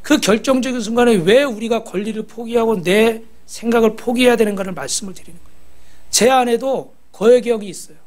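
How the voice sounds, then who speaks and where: A man's voice: extremely high pitch, fairly quick, darkish tone. A pastor preaching a sermon. He exhorts the congregation, asks them rhetorical questions and has them repeat after him.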